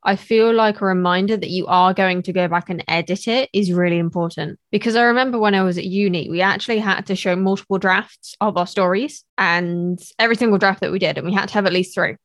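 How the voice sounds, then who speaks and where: A woman's voice: on the low side, no room sound, clean studio sound. A young woman hosting a podcast, talking conversationally and with emphasis. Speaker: podcast host.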